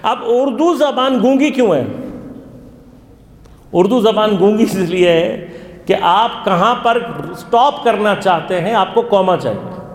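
A man with a high voice gives a religious lesson to a class, posing questions and then answering them himself. He is heard in a roomy hall with a long reverb trailing after each phrase. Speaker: religious teacher. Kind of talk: interactive lecture.

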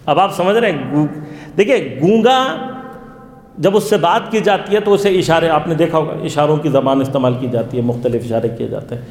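High-voiced man lecturing in an echoey hall. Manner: asks the class questions and answers them himself. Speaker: religious teacher. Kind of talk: interactive lecture. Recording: echoey hall with long reverb.

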